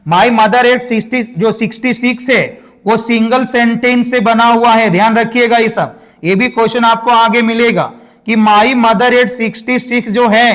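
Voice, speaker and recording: Teacher guy, really high voice, keeps asking what do we call this then answers it. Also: fairly even intonation, a little slow, fairly bright tone. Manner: repeats questions to the class and answers them; addresses viewers as dear guys and my brother. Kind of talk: exam-prep lesson.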